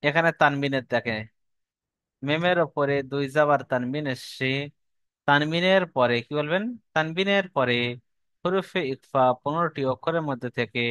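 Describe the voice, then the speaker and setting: A man teaching a Quran recitation lesson online, patiently repeating rules and slowly spelling out syllables. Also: on the high side, fairly bright tone, clean tone, no echo.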